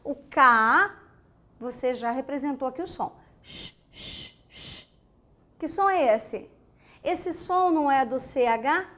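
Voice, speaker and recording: A woman's voice: high voice, lively intonation, fairly bright tone. A woman teacher with a Brazilian Portuguese accent, giving a lesson on phonetics, asking her students questions and counting letters aloud. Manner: asks the class questions and counts aloud slowly; sounds out letter sounds in short breathy bursts. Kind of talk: classroom lesson explaining phonetics.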